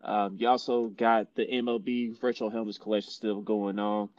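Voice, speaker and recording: A man's voice: on the low side, level tone, normal speed, a little mellow, dry recording. A man co-hosting a casual sports show, talking in laid-back, slangy bro style and repeating his phrases. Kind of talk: casual sports chat and sponsor plugs. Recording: slightly dull, dry audio.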